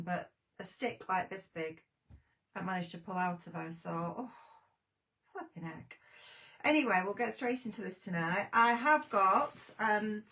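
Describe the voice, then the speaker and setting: A woman's voice: mid-range voice, vocal fry, a bit bright, rough recording. A woman hosting a casual live stream from home, shaken and flustered, talking in a rambling, chatty way. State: shaken after a scare. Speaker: craft show host.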